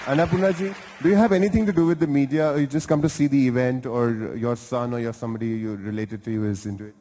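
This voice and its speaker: A man's voice: mid-range voice, steady tone, quick pace, mellow, a faint crowd, slight background noise. A man from India hosting a live event, chatting playfully and teasingly with guests in the audience. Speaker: event host. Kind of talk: lively crowd interviews. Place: large event hall. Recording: hall reverb from a live venue.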